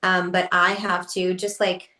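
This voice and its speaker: A woman with a lowish, unhurried voice is a podcast guest telling stories in a chatty, casual way, full of fillers, little laughs and lively quoted asides. The room she is recorded in is echoey.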